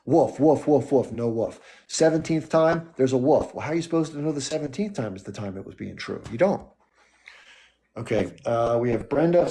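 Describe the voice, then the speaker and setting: A livestream host delivers a heated political monologue, arguing emphatically and rattling off rhetorical questions. His mid-range voice has a dark tone, with slight background noise.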